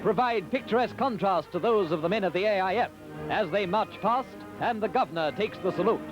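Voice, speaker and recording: High-voiced old newsreel announcer, lo-fi. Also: male voice. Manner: brisk, formal announcer delivery. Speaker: newsreel narrator. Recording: lo-fi old newsreel soundtrack with loud music.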